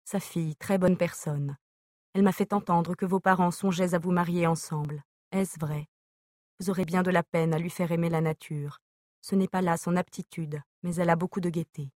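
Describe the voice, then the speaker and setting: A woman reading an epistolary novel aloud, letter by letter, in a measured, even way. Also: fairly low pitch, dry recording, studio quality. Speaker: audiobook reader.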